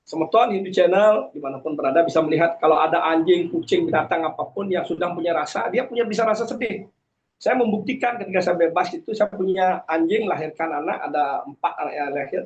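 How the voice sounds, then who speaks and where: A man's voice: high voice, fast talker. A man, a guest giving earnest, preachy personal testimony with frequent hesitations. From Karangasem, Bali. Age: 40s. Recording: dull lo-fi sound.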